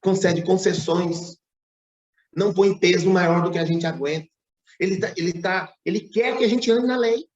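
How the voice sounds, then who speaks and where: A Brazilian man with a Brazilian Portuguese accent gives a spiritist public lecture in a lecture hall. He tells a story with frequent asides and tag questions. His voice sits high and slightly mellow at a moderate pace, recorded in an echoey room with the highs cut off.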